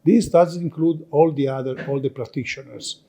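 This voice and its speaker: A man from Italy with an Italian accent and an Italian mother tongue, giving a lecture presentation at a conference in halting, non-native English, often restarting and repeating words. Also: fairly high pitch, mellow.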